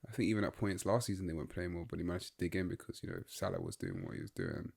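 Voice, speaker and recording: A man's voice: low-pitched, huge pitch swings, rapid-fire, vocal fry, darkish tone, breathy edge. A young man, co-hosting a casual football chat and rambling through his opinions with lots of fillers. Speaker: podcast co-host.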